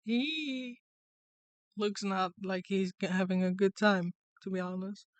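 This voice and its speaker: A woman's voice: medium pitch, fairly even intonation, unhurried, clean tone, dry recording. A woman streamer giving casual game commentary and reading story narration aloud with dramatic flair.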